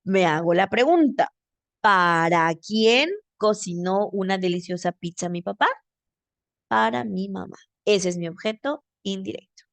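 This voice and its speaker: A Mexican woman teaches grammar over a video call, unhurried and patient, walking through each point and checking that it has landed. Her voice sits at a middling pitch. The sound is dry and close, with no room around it. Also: gravelly, dry recording. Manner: patient, explains step by step and checks with "¿ok?". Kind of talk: online grammar lesson.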